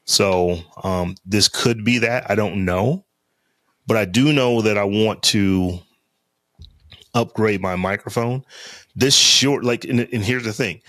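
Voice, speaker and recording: Speaking slowly, this man's voice is deep and lowish with a fairly bright tone. As a podcast co-host in a casual chat, he rambles loosely, circling back with many fillers and restarts. He's close to a studio mic on a podcast interface, and the sound is dry without room echo.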